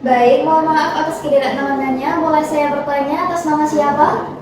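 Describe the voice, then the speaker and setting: A woman's voice: high voice, level tone, normal speed, natural voice. A woman playing a polite, apologetic wifi receptionist in an amateur role-play, speaking in a formal customer service voice. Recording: very echoey, distant, noisy room.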